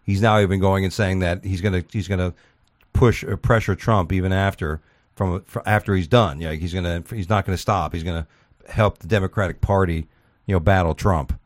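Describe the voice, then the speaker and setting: A man's voice: low voice, fairly even intonation, a little fast, no room sound, clean studio sound. A man co-hosting a casual podcast, talking bluntly and profanely and laughing often. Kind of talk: casual crude banter.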